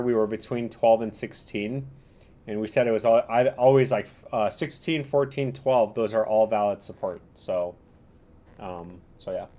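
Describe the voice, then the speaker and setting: A man's voice: mid-range voice, darkish tone. Slangy, rambling man on a casual livestream. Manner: slangy bro-style talk. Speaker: livestream host reviewing cryptocurrency charts.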